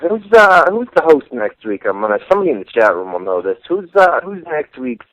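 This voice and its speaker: A man's voice: mid-range voice, big pitch swings, brisk, fairly bright tone, no echo, low-quality recording. A man hosting a casual wrestling talk radio show, chatty and loose, swearing offhandedly.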